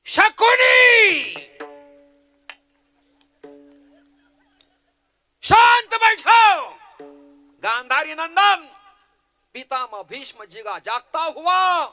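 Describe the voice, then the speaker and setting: A man's voice: mid-range voice, bright, forceful tone, breathy edge. A man voicing an old, wrathful patriarch who thunders out commands in a devotional storytelling sermon.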